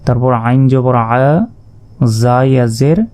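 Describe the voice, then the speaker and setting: A man teaching Quran reading step by step, spelling out each letter and vowel mark, then reciting the sounds slowly and drawn out. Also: medium pitch, level tone, mellow, clean tone. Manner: patient, repeats and asks himself questions. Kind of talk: step-by-step lesson.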